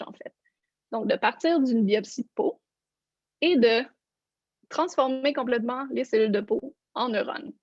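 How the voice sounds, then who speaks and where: A woman gives a lecture online, explaining her slides step by step. Her fairly high voice has a gravelly, breathy edge. The sound is dry and a bit dull, like lo-fi video-call audio. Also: no room sound. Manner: explanatory, walks listeners through slides. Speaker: neuroscience researcher giving a lecture.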